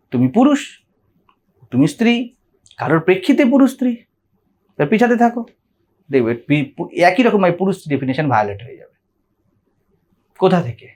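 A man gives a sermon on scripture, speaking in a fairly high voice that swings widely in pitch. He talks conversationally and keeps putting questions to his listeners. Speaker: spiritual teacher.

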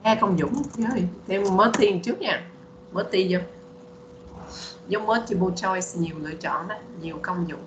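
Patient woman tutor, low voice, roomy muffled call line. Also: moderate pace, noisy background. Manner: patient, repeats words for drilling. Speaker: English teacher. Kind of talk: online bilingual English lesson.

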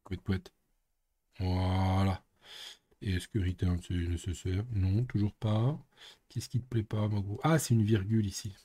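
A man's voice: lowish voice, fairly even intonation, measured pace, warm tone. A man streaming live coding, thinking aloud and muttering with playful sound effects. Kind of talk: casual live coding commentary.

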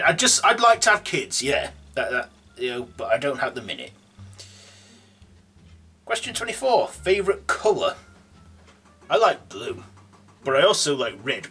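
A young Yorkshire YouTuber in his twenties films a casual tag video indoors in a room at home. His medium-pitched voice is fairly bright with a breathy edge, and he rambles, restarts, and reads the questions aloud.

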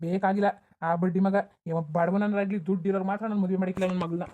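An indulgent village father, voiced by a woman soothes his wife and spoils his daughter in a cartoon. The words tumble out very fast at a middling pitch. He brushes off every complaint with easy reassurance. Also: level tone, dark tone, muffled recording, natural voice. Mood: soothing. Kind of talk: cartoon voice acting.

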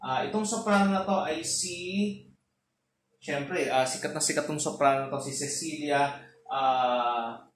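A man's voice: on the high side, unhurried. A man from the Philippines giving a casual online choir lesson. He explains patiently and keeps checking in with his listeners through short tag questions. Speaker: choral music teacher. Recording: roomy echo with faint noise.

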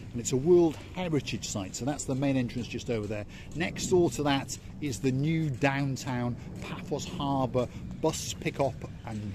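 With faint outdoor noise in the background, an older man vlogs casually while walking by a seaside harbour promenade, joking into his handheld phone like a tour guide. His voice is medium-pitched and a little mellow.

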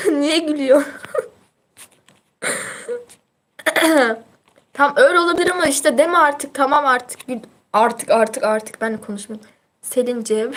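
A woman's voice: high-pitched, fairly bright tone. A teenage girl chatting casually on her livestream, reading out viewer comments in a teasing, chatty way and laughing often.

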